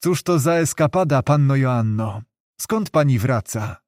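Courteous young doctor, earnest and concerned, speaking in a measured, gently reproving tone, as a male reader plays him. The voice is essentially the reader's own, neither high nor low. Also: animated, no room sound, clean studio sound, close to an everyday voice.

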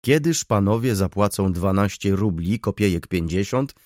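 A man voicing a stern middle-aged judge in an audiobook, asking measured questions. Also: sits low, lively intonation, darkish tone, no room sound, studio quality. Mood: questioning. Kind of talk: audiobook reading.

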